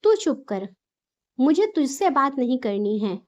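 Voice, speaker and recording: A woman voicing an angry, stubborn older mother-in-law in a spoken storybook, talking in a sharp, scolding, insistent way. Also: sits high, sing-song, unhurried.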